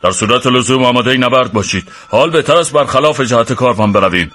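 Guy doing a steady honest trader, firm, kinda bright tone. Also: mid-range voice, voice pushed up, lightly acted. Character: steady male merchant, resolute and honorable.

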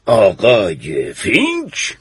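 A husky courtroom lawyer or judge in a radio drama, questioning formally and with measure. His pitch swings widely, and the recording is dry and close. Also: huge pitch swings, no echo, full character voice. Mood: reassuring.

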